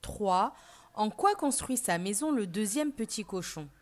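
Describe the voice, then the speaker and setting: A woman teacher reading a fairy tale aloud for learners, then asking questions and reading a vocabulary list. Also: medium pitch. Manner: clear, deliberate, expressive reading. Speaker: French teacher. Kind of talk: slow storybook narration and vocabulary lesson.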